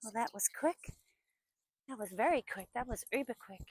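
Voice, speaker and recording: Young woman from new zealand chatting to camera on a walk, husky voice, dry close sound, slips into whispers. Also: a little high, animated, moderate pace, darkish tone, dry recording, poor audio. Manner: chatty, often drops to a whisper. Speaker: vlogger. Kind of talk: casual walking vlog. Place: outdoors on a woodland walk.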